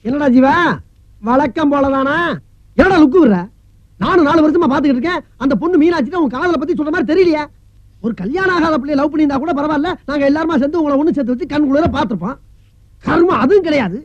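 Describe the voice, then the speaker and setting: Shrill, fast-nagging comic tenant, dry muffled film track. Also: male voice, darkish tone, dry recording. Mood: scolding. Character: mocking talkative male tenant friend. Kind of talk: Tamil film comedy dialogue. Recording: dull film soundtrack.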